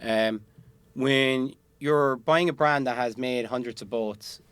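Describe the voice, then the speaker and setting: A man's voice: mid-range voice, slow pace, fairly bright tone, clear, resonant tone, no echo. Chatty man, dry close sound. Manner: rambling, many fillers and restarts. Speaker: boat owner guest. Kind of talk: casual podcast chat.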